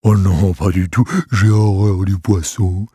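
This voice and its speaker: Brief: man as a slow, mellow, husky donkey, naive and soft-hearted, dry close sound. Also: sits low, steady tone, no room sound, pitched below the performer's own voice. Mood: earnest. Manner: slow, soft, earnest, turns frantic. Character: gentle naive male donkey, easily upset. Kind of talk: storybook character voice.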